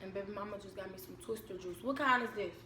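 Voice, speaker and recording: A young American woman chatting casually to camera at home, telling stories in an informal, unhurried way. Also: mid-range voice. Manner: informal, unhurried storytelling with repeated phrases. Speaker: vlogger and mother. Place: indoors at home. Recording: echoey room with background noise.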